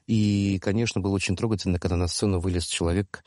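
A man in his sixties telling a story in a conversational, digressive way, with halting restarts. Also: low-pitched, fairly even intonation, darkish tone, no echo, clean studio sound. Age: 60s. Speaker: storyteller guest.

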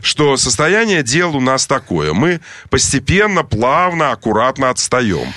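A man's voice: mid-range voice, sing-song, a little slow, bright, forceful tone, no echo, clean studio sound. A man giving unscripted conversational commentary, emphatic and often repeating his words and phrases.

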